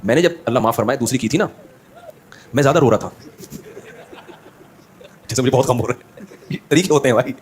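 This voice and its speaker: A man tells funny stories during a religious talk, and he talks quickly. He slips into the voices of the people in his stories as he goes, and his pitch sits in the middle range. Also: a little hiss or hum. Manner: animated anecdote-telling, acting out the people in his stories. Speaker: Islamic scholar giving a talk. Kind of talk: humorous storytelling in a religious talk.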